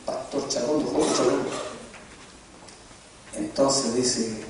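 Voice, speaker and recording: A man's voice: mid-range voice, takes it slowly, creaky, a little hiss or hum. A man preaching a sermon, telling stories with jokes and questioning his listeners. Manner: animated, joking, asks the audience questions. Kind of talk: sermon storytelling. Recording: very echoey hall, distant mic.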